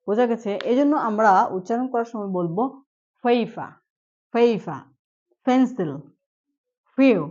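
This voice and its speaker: A woman teaching an online English pronunciation lesson, speaking slowly and deliberately and repeating each word for practice. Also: mid-range voice, darkish tone, lo-fi sound.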